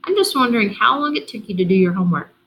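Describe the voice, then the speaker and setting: A woman reading the part of an upbeat, gentle male schoolteacher who speaks encouragingly and carefully. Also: mid-range voice, very animated, racing, slight background noise, low-quality recording.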